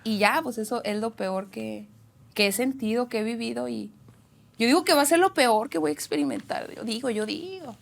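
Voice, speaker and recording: Lively Mexican woman telling a story. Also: on the high side, normal speed, creaky. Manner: animated, acts out voices, swears freely. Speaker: guest. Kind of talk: casual storytelling.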